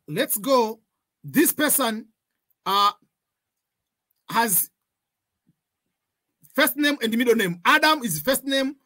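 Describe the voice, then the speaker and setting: Man, 40s, webcam tutorial, husky voice, patient repeating explainer. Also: sits high, fairly bright tone. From Tanzania. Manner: repeats points, gives examples, cautionary tone. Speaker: online tutor. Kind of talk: screen-share tutorial.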